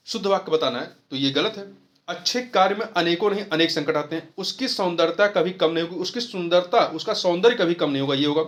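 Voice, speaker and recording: A man's voice: high-pitched, fairly bright tone. A man tutoring through a Hindi test paper, explaining each answer step by step and repeating the key words. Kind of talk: test-paper walkthrough lesson.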